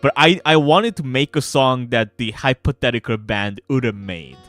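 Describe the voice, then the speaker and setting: A man speaks in a mid-range, slightly bright voice at a moderate pace, and the recording is dry. He's a game developer in a casual livestream chat with some read-aloud narration, stammering and repeating his words, with guitar music behind him.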